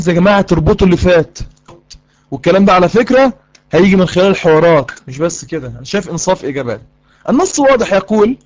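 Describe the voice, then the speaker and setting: A man's voice: sits high, a little mellow. A man with an Egyptian Arabic accent teaching a live online course, quizzing his students and repeating key lines for emphasis. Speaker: religious course instructor.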